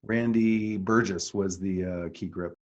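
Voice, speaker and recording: A man's voice: low-pitched, fairly even intonation, unhurried, a little mellow, lo-fi sound. A middle-aged man co-hosting a podcast, thinking back and going through details step by step in casual chat. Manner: reflective, recalls details step by step. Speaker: podcast co-host.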